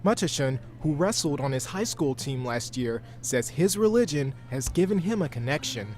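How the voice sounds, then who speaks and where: With soft music playing beneath him, a man narrates a news feature in a measured, informative way. His voice is pitched a little higher than most men's, and his delivery is animated.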